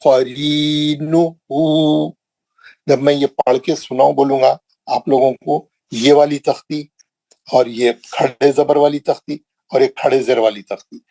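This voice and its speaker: A middle-aged man with a Hyderabadi accent teaching Quran recitation in an online lesson, slowly drawing out and repeating drill words for his students. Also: a little high, mellow, no room sound, rough recording. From India.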